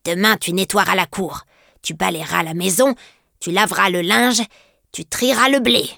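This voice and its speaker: A woman's voice: mid-range voice, normal speed, creaky, sharp tone, no echo, clean studio sound. A woman voicing an old child-eating forest witch who growls her threats. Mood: menacing.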